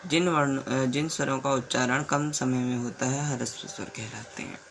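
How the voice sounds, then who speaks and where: A man teaching the alphabet in a slow classroom way. He repeats sounds, asks the class questions and writes on a board as he goes. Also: medium pitch, steady tone, vocal fry, fairly bright tone, slight background noise. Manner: stops to write on a board while talking. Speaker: Hindi teacher.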